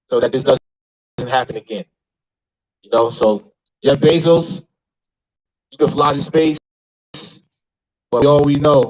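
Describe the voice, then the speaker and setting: A man's voice: medium pitch, darkish tone. A man speaking as a labor union leader at an outdoor rally, rousing and defiant, with emphatic repetition. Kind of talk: rally speech. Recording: dull lo-fi recording.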